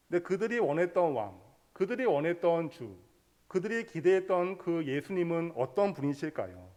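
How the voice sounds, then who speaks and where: A man's voice: fairly high pitch, mellow. A man preaching a sermon, explaining a Bible passage step by step and leading the congregation in reading scripture aloud. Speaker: pastor.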